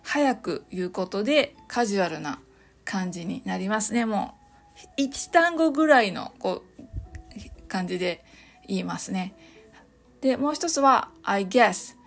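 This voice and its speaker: A woman hosting a solo podcast lesson on English phrases. She explains cheerfully and slowly models each phrase in English. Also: mid-range voice, lively intonation, gravelly. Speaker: English teacher, podcast host. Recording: light background music.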